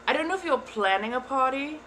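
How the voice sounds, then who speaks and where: Fairly quick and expressive, with a high, sharp-toned voice, a woman runs live tarot readings in a dramatic put-on persona accent, calling her viewers "darling"; a slight hiss or hum is audible.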